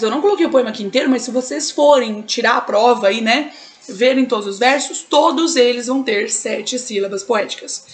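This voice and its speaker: A Brazilian woman teaches a recorded lesson, her voice set a little higher than most. She explains step by step and keeps checking in with her students. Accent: Brazilian Portuguese. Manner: explanatory, checks in with frequent tags.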